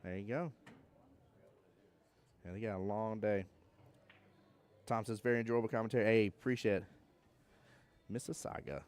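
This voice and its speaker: A man's voice: on the low side, moderate pace, pauses often, darkish tone, clean tone. A young man from Georgia with a Southern accent, commentating a pool tournament on a live stream and chatting with viewers in a joking, laid-back way. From Georgia, USA. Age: young adult.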